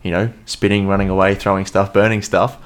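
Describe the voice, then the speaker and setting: A man's voice: low voice, little pitch movement, fairly quick. A man co-hosting a podcast, chatting enthusiastically about a film and often restarting his sentences. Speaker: podcast co-host. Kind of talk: casual film review chat.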